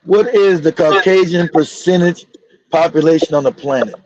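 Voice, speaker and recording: A man's voice: a little high, normal speed, a little mellow, lo-fi sound. A man hosting a livestream talk show, delivering fiery, profane, repetitive commentary. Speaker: show host.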